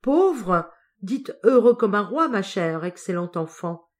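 A woman's voice: medium pitch, expressive, unhurried, close to an everyday voice. A woman reading a fervent young exiled prince. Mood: ecstatic. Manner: fervent, tearful outbursts.

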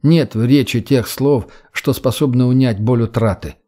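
A man narrating an audiobook in a steady, dramatic storytelling manner. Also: mid-range voice, moderate pace.

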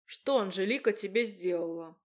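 A woman voicing a gruff, protective young man in an audiobook, speaking in curt, growling demands. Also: mid-range voice, normal speed, natural voice. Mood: demanding. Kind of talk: audiobook character voice.

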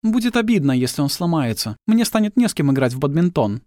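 A flirtatious wealthy woman, put on by a male reader, speaks in a raised, bubbly voice full of exclamations. Her lines bounce up and down with lively swings. The sound is close and dry. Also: fairly high pitch, fast, no echo, voice pushed up. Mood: coaxing. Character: cheerful flirty wealthy middle-aged woman.

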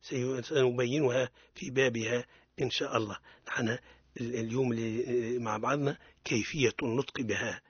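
A man's voice: medium pitch, steady tone, normal speed, breathy edge, no echo, lo-fi sound. A man with a Tunisian accent teaching Quran recitation on radio, correcting pronunciation and modelling words for students to repeat. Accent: Tunisian Arabic.

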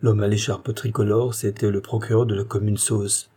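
A man narrating a historical novel as an audiobook, with steady, dramatic storytelling. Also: on the low side, normal speed, slightly rough. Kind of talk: scripted narration.

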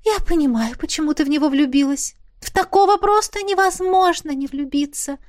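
A woman reading an audiobook and voicing a vain, gushing middle-aged mother in an excited, high sing-song chatter. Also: fairly quick, lightly acted. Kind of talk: audiobook character voice.

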